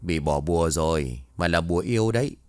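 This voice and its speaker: A man doing a gruff bossy old exorcist. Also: deep voice, a little fast, darkish tone, no echo, voice pushed down, close to an everyday voice. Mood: grim. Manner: scolding, barking orders.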